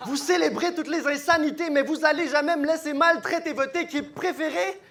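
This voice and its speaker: A man with a very high, gravelly voice goads the audience in a rap battle. He shouts his provocations. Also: brisk, a little hiss or hum. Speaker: battle rapper.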